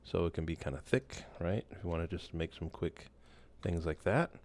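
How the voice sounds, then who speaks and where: In a casual screen-share tutorial, a male instructor demonstrates a software tool. He has a deep voice and a moderate pace, and he stays loose and relaxed, using many fillers and often restarting his sentences.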